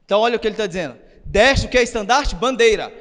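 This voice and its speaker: A man preaching a sermon as pastor, asking the congregation questions and building up to shouted emphasis. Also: high voice, expressive, rapid-fire. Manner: rises to shouting when stressing a point. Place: church. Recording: long reverb of a church hall.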